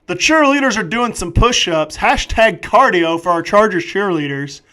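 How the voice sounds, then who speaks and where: A man doing live play-by-play football commentary, excitable and jokey with rambling asides. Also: high voice, moderate pace.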